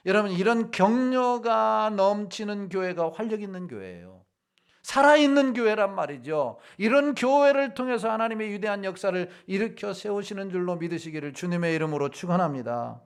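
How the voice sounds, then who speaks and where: Male pastor, gravelly and higher-pitched; dramatic sermon, acts out quotes, big loud-soft swings. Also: big pitch swings, brisk. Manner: dramatic sermon delivery, acting out Bible quotes with sudden swings in loudness.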